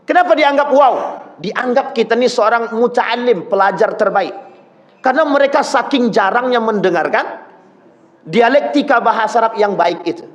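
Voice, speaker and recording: High-voiced male preacher. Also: normal speed. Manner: addresses the congregation directly, acts out quoted voices. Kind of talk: sermon.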